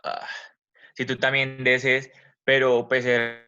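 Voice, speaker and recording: A man's voice: medium pitch, completely flat delivery, slow, bright, forceful tone. A man's voice breaking up on a dropping call. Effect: audio breaking up on a dropping video call. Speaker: student. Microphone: video call. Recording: dull lo-fi call audio cutting out.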